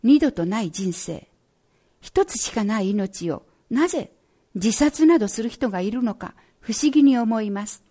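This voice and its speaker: A woman radio announcer reading a prize-winning children's essay aloud in a slow, measured, gentle way. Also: fairly high pitch, lively intonation.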